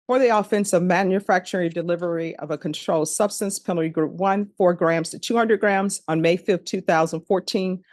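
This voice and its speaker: A woman judge in a courtroom recording, formally reading case numbers and charges in a measured, procedural way. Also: fairly low pitch, darkish tone, dry recording, clean studio sound. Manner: measured, procedural, repeats formulaic questions.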